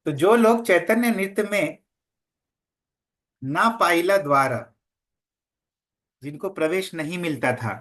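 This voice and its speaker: A man teaching a scripture class, slowly chanting verses and then explaining them line by line. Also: high voice, a bit bright.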